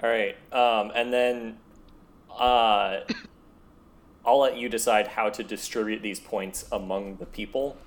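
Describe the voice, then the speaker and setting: A man's voice: fairly low pitch, steady tone, measured pace. A young man hosting a casual podcast game, rambling and restarting his sentences with lots of fillers. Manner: rambling, self-interrupting with fillers. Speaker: host.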